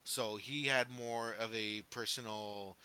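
A man's voice: medium pitch, steady tone, slow pace, pushed and bright, clear, resonant tone. A man co-hosting a podcast, chatting casually about a film in a rambling way with many fillers. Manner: rambling, heavy on fillers, laughs often. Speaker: podcast co-host. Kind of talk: casual movie review chat.

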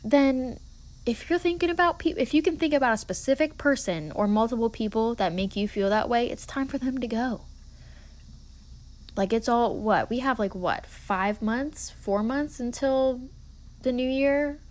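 A woman's voice: on the high side, a little mellow. Woman, twenties, podcast host, casual monologue, earnest, encouraging, chatty. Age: 20s.

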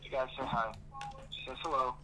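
A man heard through a phone on speakerphone, giving a calm, measured take as a guest on a casual chat. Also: mid-range voice, a little hiss or hum. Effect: heard over a phone speaker. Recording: tinny phone speaker held near the mic.

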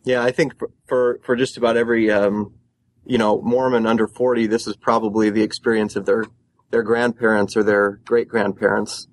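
A man in his thirties calling in over the phone to a podcast discussion, talking in a halting way with many fillers and restarts. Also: fairly low pitch, flat delivery, low-quality recording. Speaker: caller.

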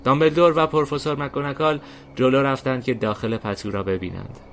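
A man narrating a fantasy story in a steady, deliberate reading style. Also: medium pitch, a little hiss or hum. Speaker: narrator and host. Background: faint music.

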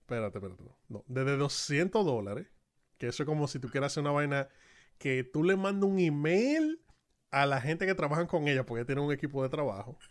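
A man with a Dominican Spanish accent and a slightly high voice chats casually as a podcast co-host. He tells his stories in an animated, slangy way. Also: a little fast. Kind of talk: casual chat.

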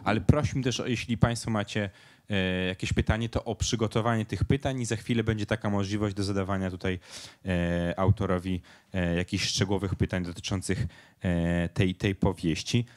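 Low-voiced man moderating, hesitant. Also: fairly even intonation, normal speed. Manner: hesitant, many fillers. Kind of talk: hosting a book launch.

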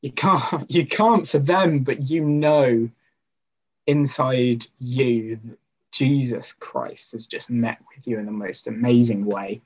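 A man's voice: medium pitch, slow pace, slightly rough, dull audio. A man giving an informal sermon to a youth group, talking conversationally with personal stories and rhetorical questions.

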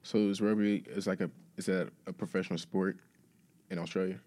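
A man's voice: low voice, steady tone, brisk, darkish tone. A man hosting an interview, asking curious, friendly questions. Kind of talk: casual interview chat.

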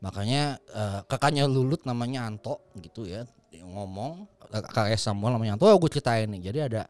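A man telling comic stories with lively delivery, acting out his characters. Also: on the low side, fairly quick, no room sound. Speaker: comedian. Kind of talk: comic storytelling.

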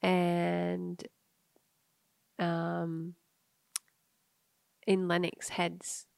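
Slow-talking australian woman, laughing. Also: on the low side, monotone, vocal fry, no room sound, clean studio sound. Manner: laughs often, drawn-out storytelling. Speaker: podcast co-host. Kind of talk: casual chat.

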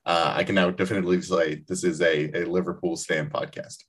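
A man co-hosting a podcast in casual chat, rambling and animated, often restarting his sentences. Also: low-pitched, a little fast, slightly rough. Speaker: podcast co-host.

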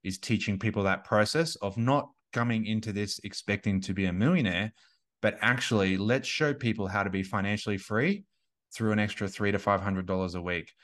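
A man's voice: lowish voice, brisk, a bit bright. A man in his thirties, a podcast guest and business coach, talking casually and rambling with many restarts and fillers. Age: 30s.

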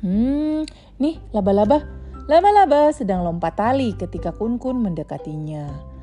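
A woman's voice: medium pitch, very animated, normal speed, mellow, faint music behind. A mother reading a children's storybook aloud to her child, adding playful asides as she goes.

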